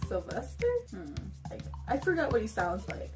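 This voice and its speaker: A giggly woman vlogger rambles along in a casual, self-mocking way. Her voice is a little high and very lively. Music plays clearly behind her. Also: normal speed. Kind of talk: casual impression vlog.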